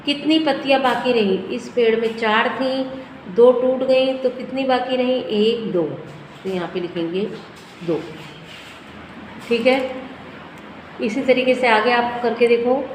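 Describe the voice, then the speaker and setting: Woman, school teacher, counts aloud, asks and answers herself, slightly high voice, echoey hall, faint background hiss. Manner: counts aloud slowly, asks and answers her own questions. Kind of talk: teaching a first-grade maths lesson.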